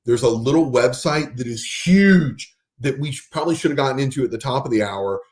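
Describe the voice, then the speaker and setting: A man hosting a podcast in casual conversation, explaining resources and spelling out words slowly. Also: mid-range voice, lively intonation, a little mellow. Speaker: podcast host.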